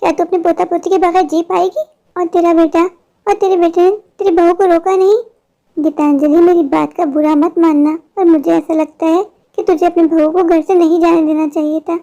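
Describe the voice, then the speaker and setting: A woman's voice: very high-pitched, fairly even intonation, moderate pace, dark tone, highs cut off. A woman voicing a prying, meddling older neighbor woman in a cartoon story. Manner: prying, insinuating.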